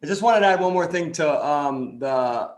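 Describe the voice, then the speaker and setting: A man's voice: fairly high pitch, animated, moderate pace, reverberant. A man joining an online class, rambling and repeating words, with lots of "like" fillers. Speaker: class participant.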